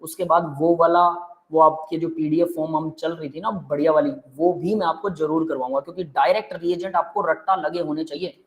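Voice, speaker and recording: Male teacher, relaxed and friendly; step-by-step explainer who checks in with students constantly. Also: on the high side, brisk, hardly any pauses. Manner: explains step by step, keeps checking the class understands; relaxed and friendly, calls students "beta" and "bhai". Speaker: chemistry teacher. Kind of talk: live online chemistry lecture.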